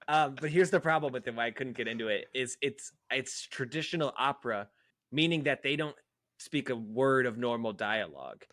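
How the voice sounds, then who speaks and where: A man co-hosting a casual podcast chat, animated and prone to breaking into sung impressions. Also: medium pitch, normal speed. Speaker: podcast co-host.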